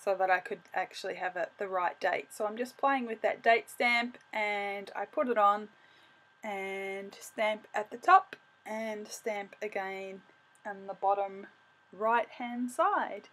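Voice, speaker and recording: A woman's voice: medium pitch, steady tone, slow pace, fairly bright tone. A middle-aged woman casually narrating her scrapbooking as she works, thinking aloud and correcting herself as she goes. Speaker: craft video host.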